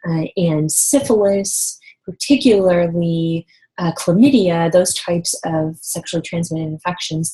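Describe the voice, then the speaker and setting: A woman's voice: on the low side, a little mellow, low-quality recording. A woman in her thirties giving a recorded university lecture, explaining steadily and engagingly with the odd light laugh. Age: 30s.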